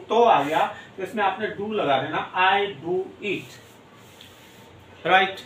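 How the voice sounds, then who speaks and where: A man teaching an English grammar lesson, repeating example sentences slowly and word by word to drill them in. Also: high voice, a bit bright, a little hiss or hum. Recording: echoey room, mic at a distance.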